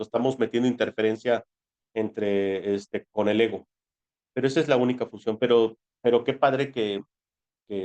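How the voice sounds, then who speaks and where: This is an informal, explanatory spiritual talk from a man with a Mexican Spanish accent and a slightly mellow, mid-range voice. He teaches in a conversational way, asking rhetorical questions and answering them.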